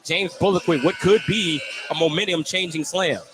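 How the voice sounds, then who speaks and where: A man with a fairly high voice speaks at normal speed over music, calling a live basketball game on the radio in clipped, running phrases. It is a very noisy broadcast from an indoor gym.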